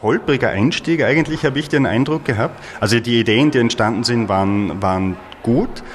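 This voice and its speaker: A man, the organizer of a festival, answering interview questions thoughtfully, pausing with fillers. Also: mid-range voice.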